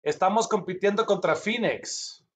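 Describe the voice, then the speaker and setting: A man's voice: high-pitched, moderate pace, a bit bright. A man in his thirties hosting a live stream with casual commentary, urging in short repeated phrases, in slightly dull audio. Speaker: host of a live auction stream. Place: small office with a whiteboard.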